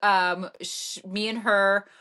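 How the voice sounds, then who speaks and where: Chatty woman podcast co-host, animated. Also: slow pace, clean tone. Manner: animated, voice jumps high when indignant, many fillers. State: still tearful from laughing. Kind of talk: casual chat.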